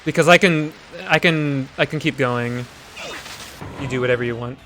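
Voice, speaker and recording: A man's voice: mid-range voice, normal speed, fairly bright tone, a little hiss or hum. A man improvising a goofy story while streaming a game, rambling with lots of restarts and fillers.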